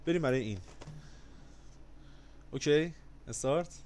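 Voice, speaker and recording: A man hosting a livestream giveaway in casual, joking chat. He swings between loud, drawn-out shouts and low, quick mutters. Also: a little hiss or hum.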